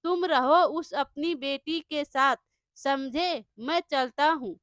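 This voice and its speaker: An impatient old village uncle, played by a woman storyteller, scolds and waves the listener off. The voice stays high and bright, with a slow and emphatic delivery. The sound is close and dry. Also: no room sound. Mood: scolding. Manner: scolding, dismissive. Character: gruff older village man, scolding and impatient.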